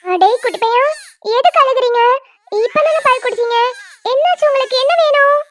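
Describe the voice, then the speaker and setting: A woman's voice: very high-pitched, animated, brisk, background noise. A woman voicing a young doting aunt who coaxes a crying baby in sing-song baby talk. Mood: coaxing. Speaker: cartoon voice actor. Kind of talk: homemade cartoon dubbing.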